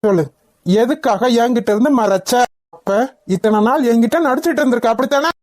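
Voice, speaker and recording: A woman's voice: fairly high pitch, brisk, a little mellow, lightly acted. A woman voicing a hot-tempered young husband in a cartoon, harshly interrogating his wife. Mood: furious. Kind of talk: Tamil cartoon voice acting.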